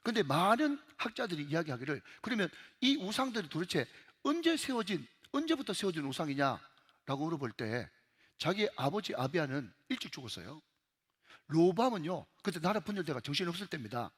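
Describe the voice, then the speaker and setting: A man's voice: on the high side, very animated, brisk, a bit bright, husky, long reverb tail. A male pastor with a Gyeongsang accent preaching an emphatic sermon in a church, repeatedly calling out to the congregation. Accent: Gyeongsang Korean. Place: church sanctuary.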